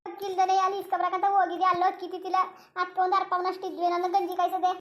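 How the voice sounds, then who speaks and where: A woman's voice: extremely high pitch, monotone, rapid-fire, a bit bright, a little hiss or hum. A woman voicing a poor, weary village mother of four who pleads and reproaches, for a cartoon. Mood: pleading.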